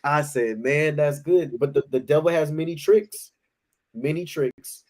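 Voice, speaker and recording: Male co-host, slightly higher voice, relaxed and encouraging. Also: unhurried. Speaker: podcast co-host. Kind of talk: casual faith talk.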